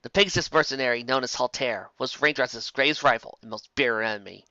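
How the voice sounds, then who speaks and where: Speaking fast, a man narrates a dramatic, scripted adventure tale. His mid-pitched voice has a bright, tense edge, and the very dry, slightly dull recording carries no room sound.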